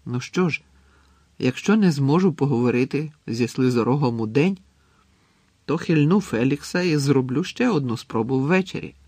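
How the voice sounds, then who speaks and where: A man voicing a troubled teenage schoolboy hero in an audiobook, earnest and brooding, with a gravelly, husky voice. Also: mid-range voice, expressive, moderate pace, darkish tone, no room sound. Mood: resolved. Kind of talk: audiobook character reading.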